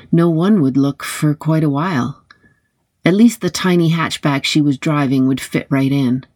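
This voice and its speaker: Audiobook narrator, gravelly, close and dry, wry gritty delivery. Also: mid-range voice, a little mellow, dry recording. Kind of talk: scripted narration of a paranormal detective novel.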